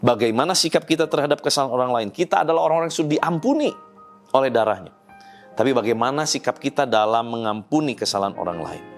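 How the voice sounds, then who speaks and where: A man's voice: mid-range voice, quick pace, faint music behind. A man preaching a daily devotional sermon, speaking earnestly and personally to his listeners. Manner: animated delivery with swelling emphasis. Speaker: pastor.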